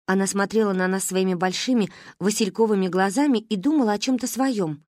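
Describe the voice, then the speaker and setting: A woman reading a children's story aloud in an expressive, lively storybook narration. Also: medium pitch, a little fast, dry recording, clean studio sound. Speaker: audiobook reader.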